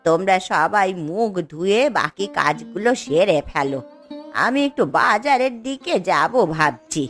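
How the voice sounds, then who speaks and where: Lady voicing a cranky old granny who nags and sighs, voice swoops up and down, soft music under. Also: mid-range voice, animated, a little slow. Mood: weary grumbling. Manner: scolding, grumbling, sighing. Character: fretful old village grandmother, scolding. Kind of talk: cartoon voice acting.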